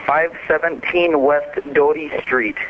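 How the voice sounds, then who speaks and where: A man's voice: on the high side, steady tone, measured pace. A man calling an emergency line, giving short, clipped answers while his phone connection keeps breaking up and cutting out. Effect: choppy phone line cutting out. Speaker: emergency caller. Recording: tinny phone call with faint noise.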